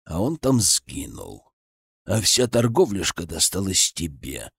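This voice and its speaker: A man voicing a gruff, stern male secret-police colonel who barks his words slowly and menacingly in an audiobook. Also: low-pitched, wildly swooping pitch, no echo, clean studio sound, pitched below the performer's own voice, full character voice. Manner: barking, slow and menacing.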